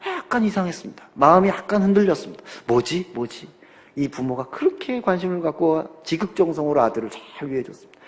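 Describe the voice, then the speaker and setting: A man's voice: fairly high pitch, sing-song, fast talker. A man preaching a sermon as a pastor, telling a story with dramatic voice changes and dropping at times to a near-whisper. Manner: dramatic storytelling, acting out quoted parents and son; swings from loud exhortation to near-whisper. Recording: long hall reverb.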